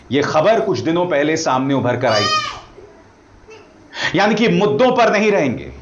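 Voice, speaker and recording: A man's voice: a little high, echoey room, dull audio. A man giving opinion news commentary, firing pointed rhetorical questions at his viewers.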